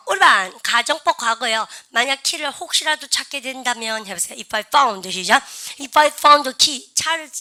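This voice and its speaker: A woman's voice: fairly high pitch, pushed and bright. A woman teaching an English conversation class at a blackboard, calling out drills for her learners to repeat and chatting with them between points. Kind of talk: classroom lesson.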